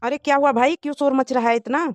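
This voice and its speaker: A woman's voice: high-pitched, fairly even intonation, fast, no room sound, lightly acted. A woman voicing a stern young husband in a cartoon moral story, who scolds and threatens his wife. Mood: puzzled. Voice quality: harsh, scolding.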